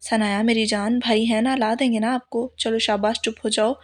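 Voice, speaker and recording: A woman's voice: on the high side, steady tone, normal speed, close to an everyday voice. A woman voicing a caring older brother who patiently consoles his crying sister. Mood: coaxing.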